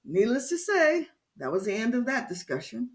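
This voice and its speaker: A woman giving a prepared lecture-style talk to a discussion group, speaking slowly and with emphasis. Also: a little high, sing-song. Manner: slow, deliberate and emphatic. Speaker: speaker leading a discussion series.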